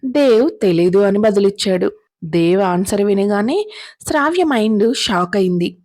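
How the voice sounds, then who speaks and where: A woman narrating a serialized drama story in a steady, dramatic reading style. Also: medium pitch, moderate pace, no echo, clean studio sound.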